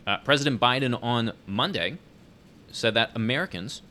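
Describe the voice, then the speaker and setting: A man's voice: mid-range voice, normal speed, sharp tone, a little hiss or hum. A man co-hosting a casual chat, reading news headlines aloud and adding wry joking asides.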